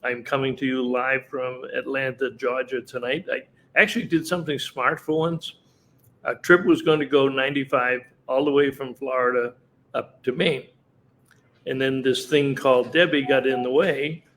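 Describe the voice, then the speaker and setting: A male co-host chatting casually, with a mid-pitched voice. He banters with his partner and cracks jokes as he goes. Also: fairly even intonation, normal speed, fairly bright tone. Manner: chatty, wisecracking. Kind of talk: casual chat. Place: on the road while traveling.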